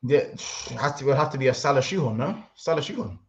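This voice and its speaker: A man hosting a casual football livestream, rambling and excitable, reading out chat messages. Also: mid-range voice, fast talker. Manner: excitable, rambling, London slang. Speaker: livestream host.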